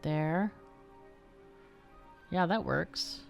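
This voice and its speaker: A woman livestreams herself playing a game, chatting casually and thinking aloud as she goes. Her voice sits low and sounds gravelly, she speaks very slowly, and faint music plays behind her.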